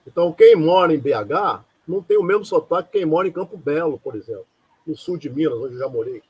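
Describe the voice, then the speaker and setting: Talking fast, this Brazilian lecturer from Rio de Janeiro has a slightly high, animated voice with a dark tone and a breathy edge. The recording is low quality, and his live talk is informal and meandering, with frequent rhetorical questions.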